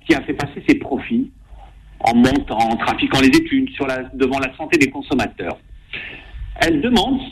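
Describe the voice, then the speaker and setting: A man's voice: medium pitch, lively intonation, moderate pace, breathy edge, low-quality recording. A middle-aged man, a doctor, giving an ironic spoken radio column in long sentences.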